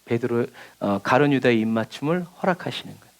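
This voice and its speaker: A man's voice: mid-range voice, lively intonation, fast. A male pastor preaching a midweek sermon, asking the congregation rhetorical questions and acting out the lines he quotes. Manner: asks rhetorical questions and answers them, acts out quoted lines.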